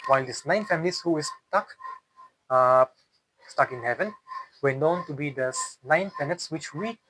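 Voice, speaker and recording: Expressive and fairly bright, this man's voice sits on the high side and moves at a normal speed. He's an interviewee with a Northeast Indian accent spontaneously telling a folk tale, explaining as he goes and often repeating and rephrasing. The audio has no echo but is poor.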